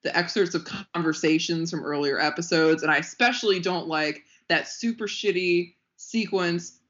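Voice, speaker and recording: A woman co-hosting a casual podcast, opinionated and quick to laugh. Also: lowish voice, fairly even intonation, fairly bright tone, lo-fi sound. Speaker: podcast co-host.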